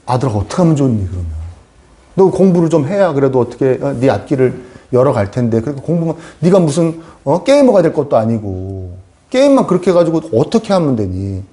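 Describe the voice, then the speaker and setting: Guy doing a worried dad gently coaxing his kid, lowish warm voice. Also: big pitch swings, a little fast, lightly acted. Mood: concerned. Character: patient worried father talking to his son.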